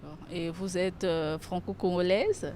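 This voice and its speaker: Soft-spoken woman interviewer. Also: on the low side, steady tone, a little slow, slight background noise. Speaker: magazine show host. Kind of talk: interviewing and show announcements.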